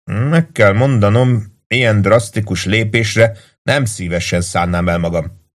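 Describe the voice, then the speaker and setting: A man voicing an excitable, fretful army lieutenant who bursts into agitated exclamations. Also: lowish voice, close to an everyday voice. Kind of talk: audiobook character voice.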